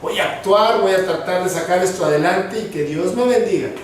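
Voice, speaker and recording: Earnest male pastor, sermon delivery, higher voice, distant mic in a reverberant church with faint ambience. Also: fairly quick, slight background noise. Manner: earnest, direct, addresses listeners as you. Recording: echoey hall, voice from far off.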